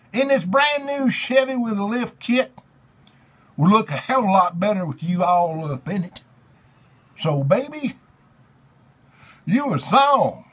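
A man putting on a hammy stage actor, reciting song lyrics as a theatrical, mock dramatic reading in a husky voice. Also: very high-pitched, pitched above the performer's own voice. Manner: hammy, theatrical, drawn-out delivery. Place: small indoor room with racks of electronic equipment.

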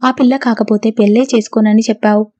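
A woman's voice: on the high side, fairly even intonation, fast, darkish tone, no echo, lightly acted. A woman reading as a scolding old mother-in-law. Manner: scolding, self-pitying. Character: domineering older mother-in-law, quick to tears.

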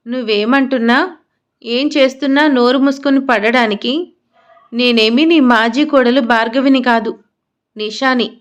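A woman's voice: on the high side, lightly acted. A woman voicing an arrogant young wife who talks back sharply and scornfully. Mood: threatening.

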